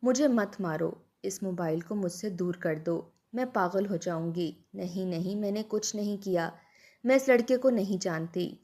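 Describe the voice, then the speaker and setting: A woman's voice: mid-range voice, a little mellow, close to an everyday voice. A woman voicing a pleading, desperate young wife.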